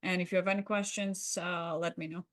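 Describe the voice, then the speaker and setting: Her pitch fairly low and her delivery flat and brisk, this woman co-hosts a conversational podcast. She is supportive and affirming as the two move through a roleplay and talk it over afterward.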